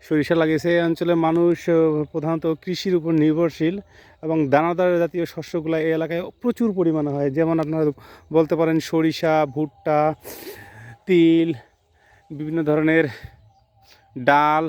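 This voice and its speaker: A man with a slightly high voice guides viewers through an outdoor vlog, filmed on a handheld phone camera. He talks to the audience directly and keeps pointing out what they can see. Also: little pitch movement, moderate pace, long pauses, a little mellow, smooth, no echo. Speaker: travel vlogger. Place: outdoors by mustard fields at a border.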